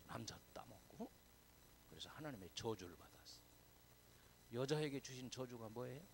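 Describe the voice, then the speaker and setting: A male pastor giving a chatty, conversational sermon, quizzing and teasing his congregation, dropping to a whisper and then swelling loud for emphasis. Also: mid-range voice, a little hiss or hum, low-quality recording.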